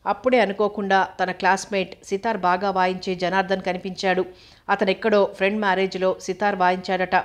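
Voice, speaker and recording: A woman reading a novel aloud in a steady, even voice. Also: mid-range voice, fairly quick. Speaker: audiobook narrator.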